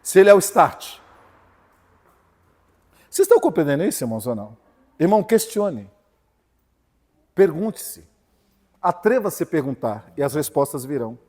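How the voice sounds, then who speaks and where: Emphatic Brazilian preacher in a reverberant church. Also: male voice, on the high side, very animated, normal speed, pauses often, mellow. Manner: emphatic, peppered with rhetorical questions to the congregation. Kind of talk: sermon. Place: church hall.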